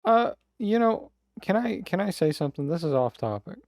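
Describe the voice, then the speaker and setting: A man's voice: high voice, very animated, moderate pace, darkish tone, dry recording, clean studio sound. A young man chatting casually on a podcast, hesitant and trailing off.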